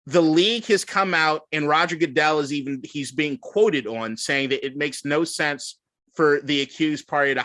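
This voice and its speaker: A man's voice: on the high side, dry recording, poor audio. A man co-hosting a sports podcast in casual, profane chat, often laughing. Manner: laughs a lot, profane, animated. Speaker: podcast co-host.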